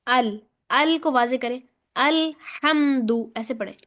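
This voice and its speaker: A woman teaching a Quran recitation class, patiently repeating sounds and chanting phrases slowly, with her praise spoken very softly. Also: fairly high pitch. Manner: slow, patient, demonstrates sounds by repeating them.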